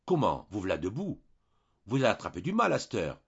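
A man's voice: on the low side, wildly swooping pitch, brisk, vocal fry, a bit bright, slightly rough, lo-fi sound, heavily acted. A man voicing an older countrywoman servant who speaks in a rustic country manner. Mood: tearful, homely. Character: older woman, a weeping rustic maidservant.

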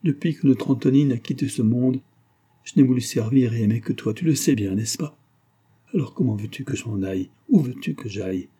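A man's voice: mid-range voice, fairly quick, dark tone, slightly rough, close to an everyday voice. A man voicing an old, grieving female servant who pleads in a muffled voice in a storybook reading. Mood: pleading.

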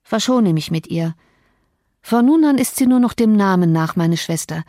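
A stern, proud gentleman, read by a woman in her ordinary voice, speaking in short, controlled phrases. The audiobook sound is dry and close. Her pitch stays in a middle range. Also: expressive, normal speed, no echo, close to an everyday voice. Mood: cold. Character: stern, wounded gentleman master of the house.

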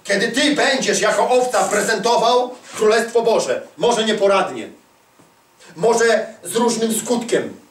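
Male preacher, high voice, emphatic call-and-response, distant mic in a large echoey hall. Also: animated, a little slow. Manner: emphatic, repeats lines and calls for answers. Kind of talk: charismatic sermon. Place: large hall at a church conference.

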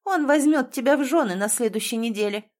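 A woman's voice: a little high, a little fast, close to an everyday voice. Audiobook: woman reading as a cold, commanding stepmother, raised and cutting. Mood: gloating. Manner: sharp, scolding and commanding. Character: scheming domineering stepmother, middle-aged woman.

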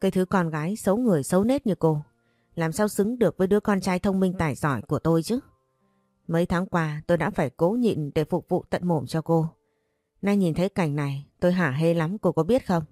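Woman doing a gloating mean old mother-in-law, rapid and shrill, storybook. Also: warm tone, no room sound, studio quality, soft background music, natural voice. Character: spiteful older mother-in-law, vicious and gloating.

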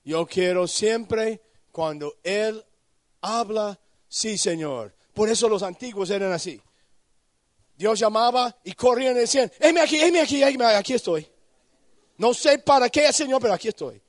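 Male preacher, high-pitched, slow deliberate sermon delivery, dry close sound, rises to shouting pleas. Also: no room sound. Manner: swings from low, quiet warnings to high shouted pleading; addresses listeners by name with questions. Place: conference hall.

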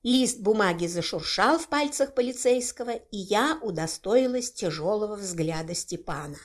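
A woman narrating a first-person fantasy audiobook in an expressive, animated reading. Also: mid-range voice, moderate pace.

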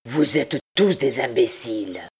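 A woman voicing a brash, bossy male king of the truands, with loud commanding outbursts. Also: lowish voice, normal speed, vocal fry, pitched above the performer's own voice.

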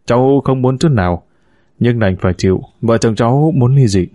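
A man voicing a smooth-talking scheming husband, a con man who speaks in a glib, persuasive way, in a spoken story. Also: medium pitch, normal speed, dark tone, no echo, studio quality, natural voice. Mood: wheedling.

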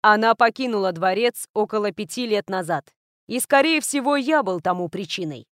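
A woman voicing a calm young male heir who speaks in an even, emotionless tone, read as part of a storybook narration. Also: mid-range voice, normal speed, no echo, studio quality, natural voice. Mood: cool, level.

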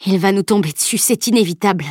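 A woman's voice: mid-range voice, fast, mellow, breathy edge, no room sound, clean studio sound, close to an everyday voice. A woman reading an audiobook voices a teenage boy who grumbles and jokes to keep up courage. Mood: worried.

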